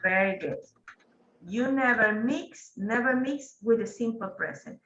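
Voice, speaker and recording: A woman's voice: fairly high pitch, a little slow, fairly bright tone, roomy sound, lo-fi sound, slight background noise. A woman, teaching an English grammar class and patiently prompting students. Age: 40s.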